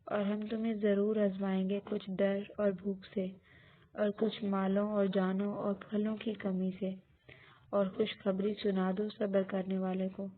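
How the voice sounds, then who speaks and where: A woman voicing a loving, devout middle-aged aunt who consoles her niece softly. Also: mid-range voice, completely flat delivery, close to an everyday voice. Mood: consoling. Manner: soft, consoling. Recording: tinny phone-like audio.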